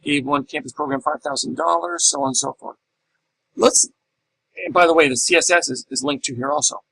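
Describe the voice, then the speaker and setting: A man's voice: fairly high pitch, expressive, a little fast, vocal fry, bright, forceful tone, rough recording. A middle-aged man teaching a class in a recorded lecture, explaining step by step and asking and answering his own questions. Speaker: instructor.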